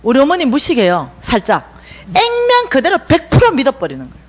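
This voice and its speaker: A middle-aged woman with a Gyeongsang accent, telling stories in a church seminar and acting out the dialogue with big jumps in pitch and volume. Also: wildly swooping pitch, brisk. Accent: Gyeongsang Korean. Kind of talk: lively storytelling lecture. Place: church lecture hall.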